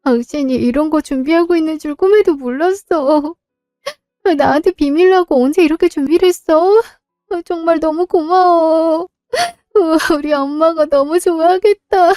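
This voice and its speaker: Woman as heartfelt young daughter, high and emotional, audio drama. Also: normal speed, dry recording, clean studio sound, faint music behind, natural voice. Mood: grateful. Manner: bright, emotional, pleading. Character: young wife caring for her sick mother, tearful and grateful.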